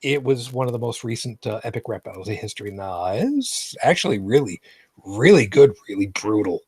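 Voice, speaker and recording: A man's voice: on the low side, lively intonation, a little fast, darkish tone, husky, no room sound. A man hosting a live vlogcast, chatting casually with co-hosts, rambling with lots of fillers and restarts, often sarcastic. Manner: rambling, filler-heavy, repeats and restarts phrases. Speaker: main host.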